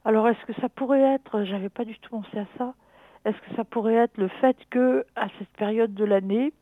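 A middle-aged woman heard over a narrow, tinny phone connection. She talks as a caller in a personal conversation, reflective and halting as she thinks aloud. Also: on the high side, fairly even intonation, no room sound. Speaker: caller consulting a dream analyst.

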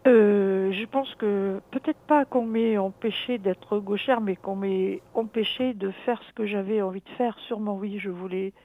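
Middle-aged lady caller, thinking out loud, halting, phone-like sound. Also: mid-range voice, steady tone, no room sound. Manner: reflective, halting, thinking aloud. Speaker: caller consulting a dream analyst. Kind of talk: hesitant personal conversation. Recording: tinny narrow phone line.

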